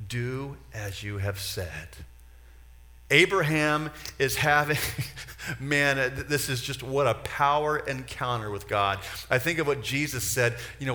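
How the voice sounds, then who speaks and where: A male pastor preaching a sermon with passion, swinging from loud urging to hushed, near-whispered pleading. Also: medium pitch.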